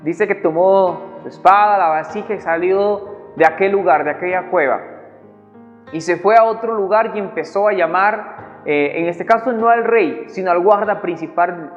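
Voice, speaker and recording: A man from Ecuador giving a devotional sermon, earnest and halting, often repeating words as he goes. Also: high voice. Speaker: preacher. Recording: dull recording in a reverberant hall, soft music behind.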